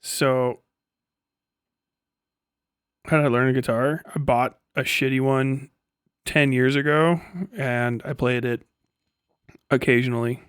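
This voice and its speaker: Slow and prone to frequent pauses, a man with a smooth, fairly bright, medium-pitched voice hosts a casual livestream, answering chat in a rambling, profane manner. His intonation is fairly even, and the studio-quality audio is echo-free, with guitar and music playing underneath.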